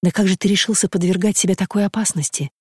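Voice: medium pitch, steady tone, quick pace, a little mellow, slightly rough, no room sound, studio quality, close to an everyday voice. A reader voicing a frightened young noble maiden in an audiobook, with timid questions and startled outbursts. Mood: anxious.

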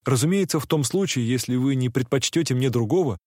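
A man voicing a poor, gentle young man who makes solemn, soft-spoken vows. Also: mid-range voice, animated, fast, no room sound, clean studio sound, lightly acted. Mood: tender, solemn.

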